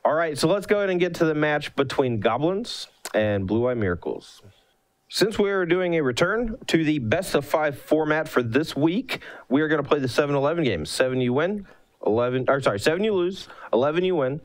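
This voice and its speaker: A man's voice: on the high side, expressive, fairly quick, poor audio. A man co-hosting a card game match in casual commentary, joking, laughing often and correcting himself mid-sentence.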